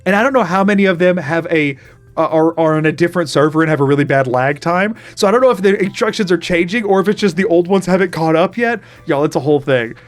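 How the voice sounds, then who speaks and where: A man with a Southern US accent chats casually while gaming on stream, rambling and cutting himself off. His voice is on the high side and he talks quickly.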